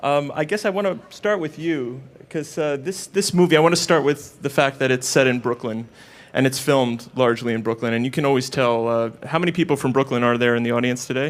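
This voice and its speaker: A man interviewing film guests, introducing them in an upbeat, joking way. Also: mid-range voice. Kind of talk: press junket interview.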